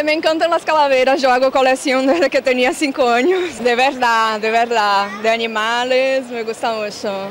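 A woman's voice: on the high side, a bit bright, a little hiss or hum. Young Brazilian woman, tattoo artist, expo hall. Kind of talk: casual answers to an interviewer. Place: large indoor expo hall. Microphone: handheld interviewer mic.

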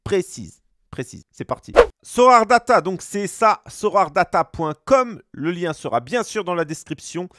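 A YouTube host with a high-pitched male voice runs a casual screen-share tutorial, talking straight to the viewer in a chatty, lively way with frequent fillers. He speaks at normal speed with few pauses, and the studio sound is clean with no room sound.

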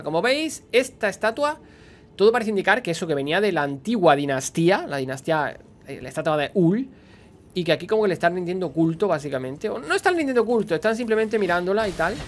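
A man giving chatty, explanatory lore commentary while he plays a game. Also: high voice. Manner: chatty, explanatory, often says "¿vale?". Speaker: lore channel host. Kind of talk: casual gameplay lore commentary.

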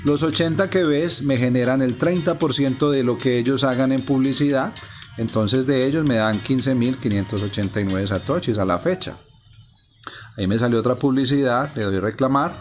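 Calm man explaining a phone game. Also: mid-range voice, normal speed, soft background music. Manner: explains step by step, calm and methodical. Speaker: gameplay narrator. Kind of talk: casual screen-recording walkthrough. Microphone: voice-over on a phone screen recording.

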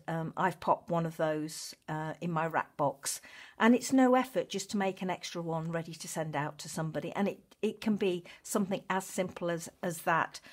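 Lower-pitched woman announcing giveaway winners. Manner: informal, self-mocking, gushing thanks. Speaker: craft channel host. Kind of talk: chatty giveaway prize draw announcement. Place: indoors at a craft table.

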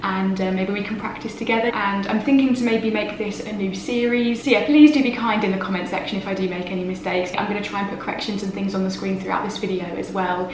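A young woman from England chatting casually in a vlog, speaking slowly and carefully and laughing often. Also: on the high side, reverberant, a little hiss or hum. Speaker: vlogger. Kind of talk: casual vlog, learning French. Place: indoors at home, study.

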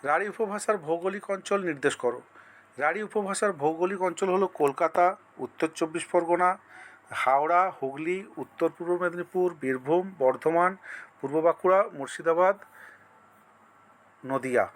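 A man with a fairly high voice teaches an exam-prep class. He reads each multiple-choice question, lists the options in turn, then states the right answer in a steady, methodical way. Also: moderate pace.

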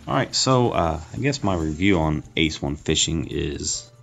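With a rumbling low, creaky voice and lively intonation, a man talks a little slowly. He gives easygoing, chatty commentary while playing and reviewing a mobile game, thinking aloud and ribbing himself for his errors. Game music plays faintly in the background.

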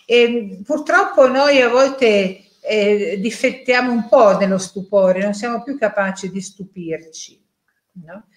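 An Italian woman shares a casual reflection on scripture, pausing often and checking in with little tag questions. Her voice sits at an ordinary middle pitch. The room around her is noticeably echoey. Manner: thoughtful, hesitant, tag questions and fillers. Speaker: parishioner sharing a Bible reflection.

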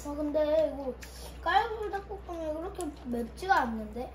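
A woman's voice: high voice, animated, normal speed, a little hiss or hum. A young woman chatting casually at a family meal, talking with her mouth full of noodles and asking questions as she eats. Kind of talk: casual family chat while eating. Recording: roomy echo.

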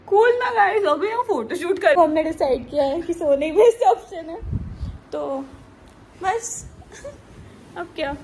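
A woman's voice: very high voice, animated, slow, long pauses, darkish tone. A young woman chatting casually and jokingly to her phone camera while travelling, laughing through exaggerated complaints. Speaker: vlogger. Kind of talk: casual travel vlog chat. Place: outdoors in busy tourist spots. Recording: phone audio with crowd and traffic noise. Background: crowd chatter and passing vehicles.

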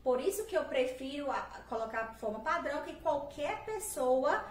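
A Brazilian woman teaching English teachers in a casual video lesson. She chats as she explains, tosses in English words and often checks in with quick tag questions. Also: high voice, sing-song, echoey room, far from the mic, a little hiss or hum.

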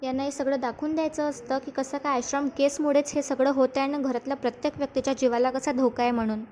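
A woman's voice: high voice, fast talker, a little hiss or hum. A woman casually retelling a TV serial episode, speaking straight to her viewers. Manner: steady storytelling, addresses viewers. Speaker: TV serial reviewer.

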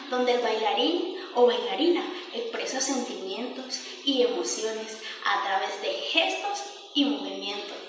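A young Panamanian woman, a university student, explains her topic from a prepared text in a rather high voice. She records herself on a phone in a small, echoey room, heard from a little way off, with music playing underneath. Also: a bit bright, distant mic, slight background noise. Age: 20s. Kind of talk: class video presentation.

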